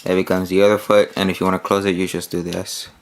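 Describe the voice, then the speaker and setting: A man with a very low voice talks through a toy review in a loose, rambling way. He fills his speech with "like" and "yeah" while he handles and shows off the pieces. Faint household clatter sits behind him. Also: little pitch movement, fast, a little hiss or hum. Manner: rambling, many fillers like "like" and "yeah"; hands-on, demonstrating while talking.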